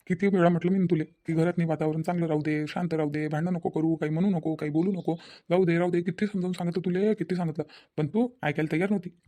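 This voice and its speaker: A stern cartoon father-in-law rattles off his scolding at great speed, played by a man. His voice is dark and mellow, and he lectures and reproaches the others. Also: fairly high pitch, fairly even intonation, quick pace, close to an everyday voice. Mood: reproachful. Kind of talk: cartoon voice acting.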